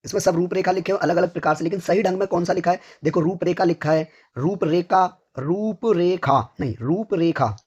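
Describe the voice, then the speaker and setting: Hoarse husky male Hindi teacher. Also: sits high, level tone, fast talker, hardly any pauses, a little mellow, lo-fi sound. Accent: North Indian Hindi. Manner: asks each question then answers it himself, repeating an endearment for his students. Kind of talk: exam-prep vocabulary lesson.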